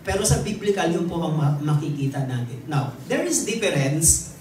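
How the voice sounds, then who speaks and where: A man's voice: on the high side, big pitch swings, moderate pace, a little mellow, slight background noise. A man with a Filipino accent preaching a sermon, teaching in a mix of Tagalog and English with light jokes along the way. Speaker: lay preacher. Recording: echoey room, distant mic.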